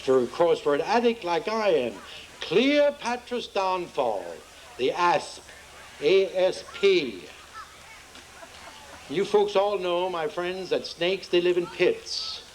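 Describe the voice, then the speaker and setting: A man's voice: high-pitched, lively intonation, slow, slight background noise, rough recording. A man with a Pennsylvania Dutch accent telling folksy jokes to a crowd at an outdoor town festival. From Pennsylvania, USA. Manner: folksy, playful, addresses the crowd. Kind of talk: folksy stand-up joke telling.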